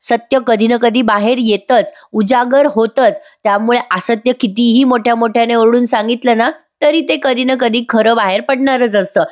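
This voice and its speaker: A woman's voice: a little high, fairly even intonation, moderate pace, hardly any pauses. Chatty woman recapping a TV episode. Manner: chatty, addresses viewers, wry asides. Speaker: serial reviewer. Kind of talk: casual voice-over episode recap.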